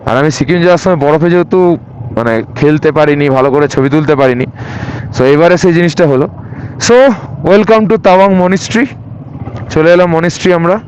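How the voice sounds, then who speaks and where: A man vlogs his motorbike trip from a hilltop monastery, chatting casually to the camera and slipping English words into his speech while a bit out of breath. His voice is fairly high and darkish in tone, and he talks fairly quickly. The recording sounds muffled, with slight background noise.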